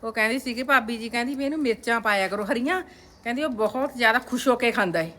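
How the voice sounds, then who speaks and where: A woman's voice: a little high, fast, background noise. A woman chatting casually to viewers at home as a vlogger. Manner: chatty, addresses viewers directly. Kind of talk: casual home vlog narration. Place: family home with courtyard.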